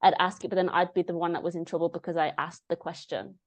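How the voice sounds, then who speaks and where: A woman's voice: on the low side, fast talker, dry recording. A young woman, chatting as a podcast guest, telling stories animatedly and quoting others. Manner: animated storytelling, quotes herself and others. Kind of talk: casual conversational interview.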